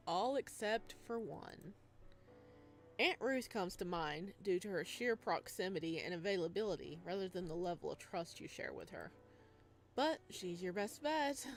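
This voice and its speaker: A woman who streams games reads a visual novel aloud in a medium-pitched voice. Her narration is expressive, and she drops in playful, casual asides.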